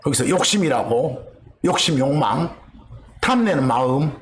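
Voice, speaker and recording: A man's voice: medium pitch, expressive, normal speed, a little hiss or hum. A man preaching with a Jeolla accent, teaching from the pulpit and quizzing the congregation with repeated questions. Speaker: pastor. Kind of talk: teaching sermon. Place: church sanctuary. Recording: echoey church hall.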